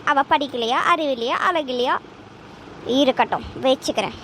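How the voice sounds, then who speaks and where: A woman's voice: high-pitched, normal speed, a bit bright, a little hiss or hum. Woman voicing a melodramatic scheming mother-in-law. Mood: indignant. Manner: melodramatic, indignant, self-pitying. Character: scheming, doting middle-aged Tamil mother-in-law. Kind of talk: cartoon voice acting.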